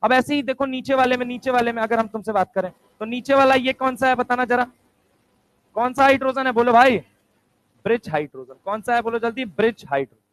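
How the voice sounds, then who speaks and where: A male chemistry teacher lecturing a class, firing quick rhetorical questions and answering them himself. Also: very high voice, fairly bright tone, dry recording, poor audio. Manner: answers his own questions aloud.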